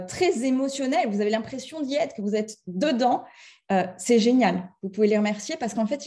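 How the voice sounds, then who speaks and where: A middle-aged French woman gives a lively talk to an audience in a conference room. Her voice sits a little high, with a mellow, relaxed tone. She chats directly with the room and slips into short acted-out scenes. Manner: animated, acts out little scenes in different voices; chatty, addresses the audience directly. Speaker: speaker giving a talk on emotions.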